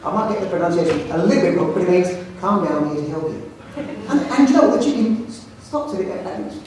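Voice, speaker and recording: A man with a London accent, a headteacher giving a jokey, animated talk to an audience. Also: sits high, fast, slight background noise. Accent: London English. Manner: jokey storyteller, animated, self-mocking. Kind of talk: anecdotal presentation to an audience. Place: large hall with audience. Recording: echoey hall, speaker far from mic.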